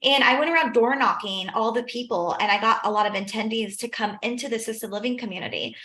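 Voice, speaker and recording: A woman's voice: fairly high pitch, fast talker, sharp tone. A woman realtor giving casual advice on a video call, animatedly telling stories and acting out small conversations. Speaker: realtor sharing tips. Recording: roomy, echoing video call audio.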